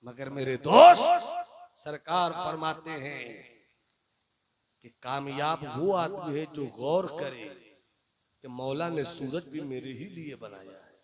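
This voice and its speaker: A man preaching a sermon to a live gathering, asking the audience questions and building repeated lines up to shouted peaks. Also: on the high side, takes it slowly. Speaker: Islamic preacher. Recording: live crowd audible behind. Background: audience calling out responses.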